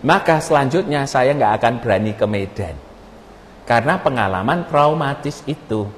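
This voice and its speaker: A male pastor preaching a sermon, telling lively stories with jokes and questions to the congregation. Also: mid-range voice, normal speed, slight background noise. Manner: animated storytelling with jokes and rhetorical questions. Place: church sanctuary. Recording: echoey church hall.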